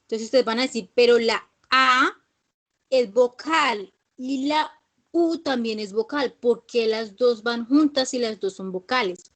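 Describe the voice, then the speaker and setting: A woman's fairly high voice carries an English grammar lesson. She goes over each rule patiently, repeating herself and checking that the class follows. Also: measured pace, a bit bright. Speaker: English teacher. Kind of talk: online class explanation.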